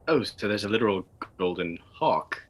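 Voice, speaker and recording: A man's voice: fairly low pitch, animated, moderate pace. A man playing a tabletop game, wry and playful in banter and in character. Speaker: player. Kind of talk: casual tabletop role-play.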